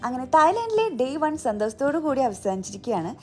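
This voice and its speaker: Fast, lively woman mixing in English. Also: high-pitched. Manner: mixes English words into Malayalam. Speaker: travel vlogger. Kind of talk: scripted vlog voice-over narration.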